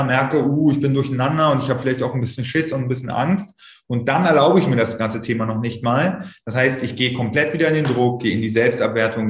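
A man giving lively advice as a stress coach in a casual podcast talk, acting out little worried voices. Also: mid-range voice, echoey room.

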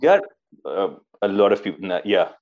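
A man with a Pakistani accent and a deep voice chats informally as he tells stories. He often stumbles and repeats words as he goes. The recording sounds a little muffled. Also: animated, normal speed, darkish tone. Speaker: interview guest, former army cadet. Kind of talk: casual conversational storytelling.

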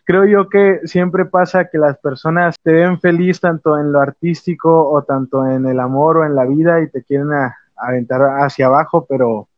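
Young man, fairly high voice, hesitant, many fillers, dry lo-fi sound. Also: fairly even intonation, moderate pace, few pauses, no room sound. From Mexico. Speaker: musician guest. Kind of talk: casual interview answers.

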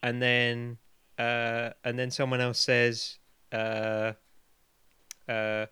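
A man's voice: mid-range voice, monotone, very slow, pushed and bright, clean tone, no echo. A man co-hosting a podcast in casual chat, rambling and sardonic. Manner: rambling and sardonic, with many fillers. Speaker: podcast co-host.

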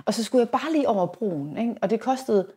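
A woman in her forties hosting a podcast, chatting casually and telling stories in a lively way with many restarts. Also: a little high, breathy edge. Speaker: podcast host. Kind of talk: casual conversation.

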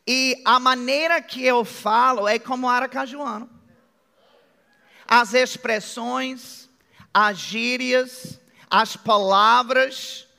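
A middle-aged man with an American accent, preaching a sermon as pastor in a joking, conversational way with drawn-out phrases. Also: very high-pitched, steady tone, gravelly, pushed and bright. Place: church hall. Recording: long hall reverb.

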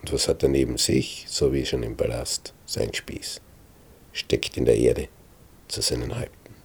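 Deep gravelly male storyteller. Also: little pitch movement, normal speed. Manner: vivid, explanatory asides, shifts between hushed and loud. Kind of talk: retelling a Bible story.

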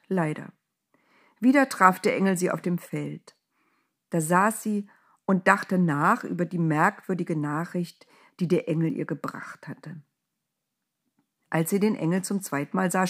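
Woman, storyteller, playful, lowish, husky, children's Bible story.

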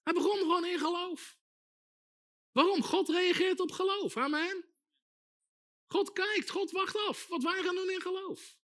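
A man preaching a sermon with emphatic repetition, building to loud exhortation. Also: very high-pitched, unhurried, long pauses.

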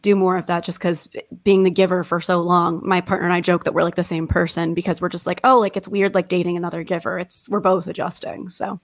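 A woman hosting a podcast, chatty and loose, with many fillers as she asks her questions. Her voice has a gravelly fry, and the recording is dry and close. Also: lowish voice, little pitch movement, a little fast, few pauses, no echo. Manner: chatty, filler-heavy, uses "like" often. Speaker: podcast host. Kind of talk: casual interview talk.

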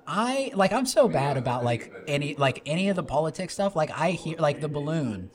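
A man's voice: on the high side, sing-song, brisk. A man, a comedian guest on a podcast, telling rambling stories with many fillers and frequent laughter. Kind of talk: casual comedy podcast chat. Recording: live venue with crowd chatter behind. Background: crowd chatter.

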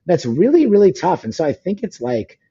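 A man talking fast as a podcast guest, rambling with lots of fillers and restarts. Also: high voice, wildly swooping pitch, mellow, slightly rough, lo-fi sound. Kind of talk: casual podcast conversation. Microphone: phone call.

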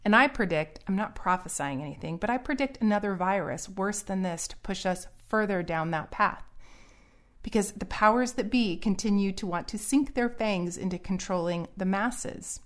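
A woman's voice: medium pitch, moderate pace. A middle-aged woman giving earnest, preachy solo commentary in a warning tone.

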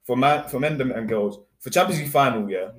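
A man's voice: medium pitch, animated, fairly quick, roomy sound. A young man with a London roadman accent, debating casually in slang and insisting on being heard. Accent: London roadman, Multicultural London English.

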